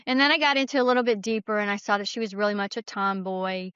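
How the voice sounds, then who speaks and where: A woman with a medium-pitched, fairly even voice talks fast, her tone fairly bright, clear and resonant. She's a guest author in an interview, answering conversationally and telling stories in an earnest, explanatory way. The audio is dull, with no echo.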